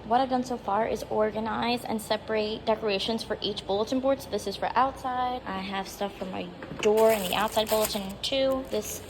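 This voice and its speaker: Young woman, gravelly vocal fry, chatty vlog talk, first grade teacher, upbeat and filler-heavy. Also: on the high side, fairly even intonation, fairly quick, few pauses, background noise. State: out of breath. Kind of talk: casual vlog narration.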